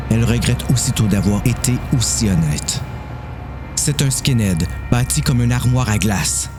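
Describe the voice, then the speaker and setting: Narrating an audio drama, a man with a Quebec French accent reads a suspense story in a measured, deliberate manner. His voice sits in the mid range.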